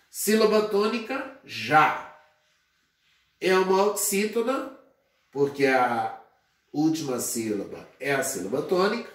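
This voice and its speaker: Slow, echoey Brazilian teacher explaining grammar. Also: male voice, on the high side, far from the mic. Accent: Brazilian Portuguese. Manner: deliberate, spells out syllables, frequent "é" and "né" fillers. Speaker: Portuguese teacher. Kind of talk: slow classroom grammar lesson. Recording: very echoey room, voice off-mic.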